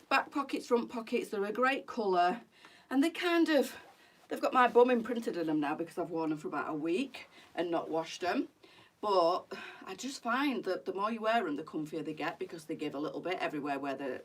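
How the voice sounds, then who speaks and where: Chatty woman selling clothes live. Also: on the low side. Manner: chatty, warm sales patter addressing viewers as girls. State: out of breath while changing. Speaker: boutique live-stream host. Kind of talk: casual live-selling chat.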